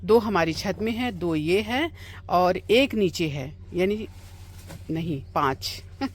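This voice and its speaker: A woman's voice: lowish voice, expressive, takes it slowly, a little hiss or hum. A woman gardening vlogger outdoors in her home garden in hot sun, chatting casually and explaining each step to her viewers. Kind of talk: casual how-to vlog.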